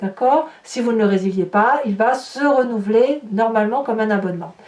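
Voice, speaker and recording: A woman's voice: on the high side, fairly quick, a little mellow. A woman giving a chatty, reassuring tarot reading, often restarting her phrases. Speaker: tarot reader. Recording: echoey room, voice from a distance.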